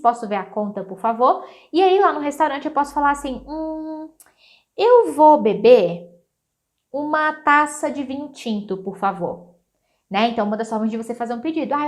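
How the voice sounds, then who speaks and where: A young Brazilian woman with a Brazilian Portuguese accent, teaching an English lesson in an upbeat way and repeating phrases slowly. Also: on the high side.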